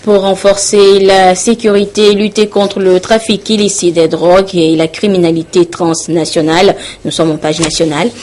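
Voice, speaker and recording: A woman's voice: medium pitch, level tone, moderate pace, hardly any pauses, darkish tone, slight background noise. A woman presenting the evening news in a formal, composed manner. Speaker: news anchor.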